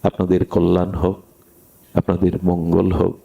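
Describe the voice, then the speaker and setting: A man's voice: low-pitched, monotone, normal speed, creaky, mellow, highs cut off. A man giving a devotional sermon, with stories and chanted verses that rise in emphasis. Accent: Bengali. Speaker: Bhagavata preacher.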